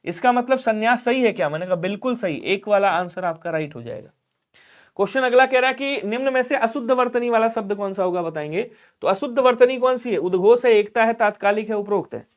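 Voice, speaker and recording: A man's voice: sits high, a little fast. A man teaching an online exam-prep grammar lesson, explaining step by step and asking his students questions that he answers himself. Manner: urges viewers to like and subscribe.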